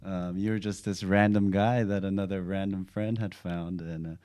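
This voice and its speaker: A man around thirty from Los Angeles, a podcast guest talking in a halting, thoughtful way with many fillers. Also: sits low, fairly even intonation, a little mellow. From Los Angeles, United States. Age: 30s. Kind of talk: casual podcast chat. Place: studio.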